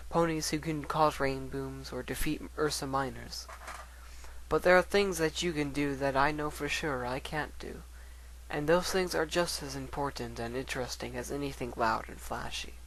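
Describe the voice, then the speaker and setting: A man's voice: mid-range voice, a bit bright, slight background noise, lightly acted, poor audio. A man voicing an earnest, bookish female unicorn scholar in an articulate, reflective dramatic reading of a letter. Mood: earnest, fond.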